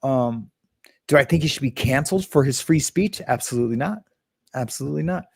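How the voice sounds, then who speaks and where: A man's voice: medium pitch, lively intonation, fairly quick, creaky, a little mellow, breathy edge, no echo. A man hosting a casual livestream, rambling and restarting, greeting viewers from the chat. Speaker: livestream host.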